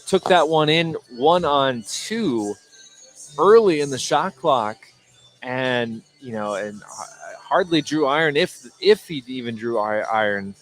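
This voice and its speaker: Over soft background music, an American man with a lively, mid-range voice does slow live radio commentary of a basketball game in clipped running phrases. The recording also carries noisy ambience from a busy gym, with basketballs bouncing.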